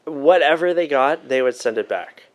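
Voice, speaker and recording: A man's voice: medium pitch, lively intonation, moderate pace. A man talking as a podcast guest in loose, casual chat, swearing now and then.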